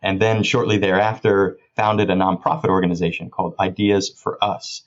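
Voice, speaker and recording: A man's voice: sits low, level tone, normal speed, lo-fi sound. A man from Florida answering interview questions in an enthusiastic, fluent way. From Miami, Florida. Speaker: guest, government official.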